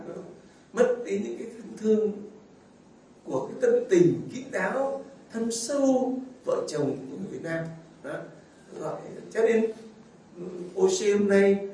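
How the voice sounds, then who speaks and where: Older male priest, high voice, folksy homily, heard from a distance in a very echoey church. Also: vocal fry, a little mellow. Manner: folksy storytelling, fond asides and chuckles. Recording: very echoey hall, mic far off, faint noise.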